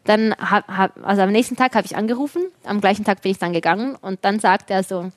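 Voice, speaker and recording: Young woman, casual chat, lively animated storyteller, voices others in quick asides. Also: medium pitch. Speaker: storyteller in a conversation.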